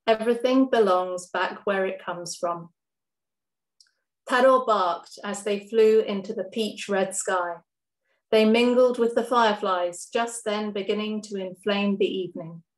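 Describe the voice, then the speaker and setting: A woman poet reads her own verse slowly and carefully, with a voice at an ordinary middle pitch. Between poems she slips into loose, chatty introductions with a few ums. The sound carries a noticeable room echo. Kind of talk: poetry reading. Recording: roomy echo.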